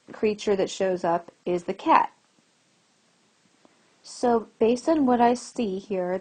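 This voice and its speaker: A woman's voice: medium pitch, darkish tone. A woman teacher giving a recorded lesson to children, explaining patiently and asking the class questions as she goes.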